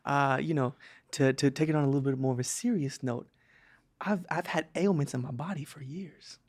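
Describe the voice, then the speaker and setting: A man as a podcast guest, joking in a mock-solemn, deadpan way with pauses and repeats. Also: mid-range voice, dry recording. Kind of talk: comic deadpan chat.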